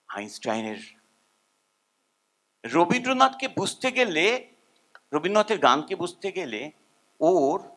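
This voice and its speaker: An older man, a musician, giving an informal, rambling seminar talk and humming melodies now and then. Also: fairly high pitch. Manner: animated, rambling, self-deprecating, hums tunes.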